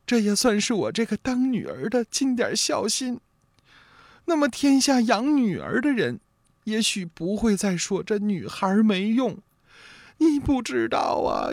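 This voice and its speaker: Folk-tale fox-spirit bride, young woman, raised and soft, gently pleading; a male storyteller plays her. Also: very high-pitched, vocal fry, no room sound, studio quality, pitched above the performer's own voice, exaggerated voice.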